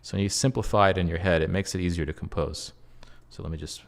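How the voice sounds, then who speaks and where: A man's voice: low voice, fairly even intonation, quick pace, gravelly. A man composing at his computer, talking through his process casually and muttering and humming phrases as he writes. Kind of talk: casual screen-share tutorial, thinking aloud.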